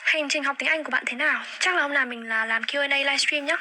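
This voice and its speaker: A woman's voice: high voice, fast, rough recording. A young woman, chatting casually on a phone livestream and repeating words as she searches for them. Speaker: livestream host. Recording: phone livestream with steady background noise.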